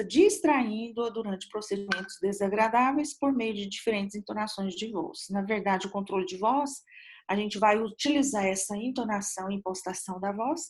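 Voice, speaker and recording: Chatty woman lecturing an online class. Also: mid-range voice. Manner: conversational, with many fillers and restarts. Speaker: dentistry lecturer. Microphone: computer mic on a video call.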